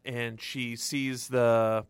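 A man on a casual podcast, telling a childhood memory as an expressive storyteller. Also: mid-range voice, very slow, clear, resonant tone, dry recording. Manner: expressive storyteller who laughs as he recalls things. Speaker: podcast co-host.

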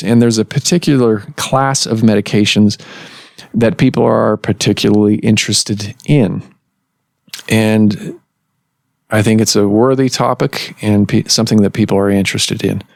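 A man hosting a medical podcast, explaining things in a measured way with pauses and restarts. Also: fairly low pitch, fairly even intonation, vocal fry, dry recording, clean studio sound. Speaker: podcast host and surgeon. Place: office recording room.

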